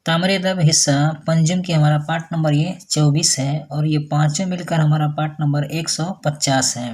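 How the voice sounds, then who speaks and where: A man's voice: a little high, darkish tone. A man teaching Urdu, reading a lesson aloud and pronouncing each word carefully, contrasting correct and incorrect forms. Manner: slow, careful word-by-word pronunciation drill.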